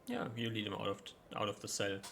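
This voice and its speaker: Low-voiced man running a tabletop game. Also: flat delivery, fast, creaky, fairly bright tone. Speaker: game master. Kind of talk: casual tabletop game narration. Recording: faint background noise.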